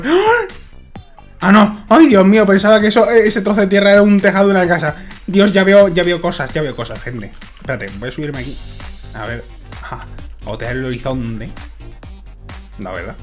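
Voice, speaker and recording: Excitable gamer, wildly swinging pitch. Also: male voice. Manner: excitable, swears a lot, jumps from mutters to loud shouts. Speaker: gaming YouTuber. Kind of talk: Minecraft let's play commentary.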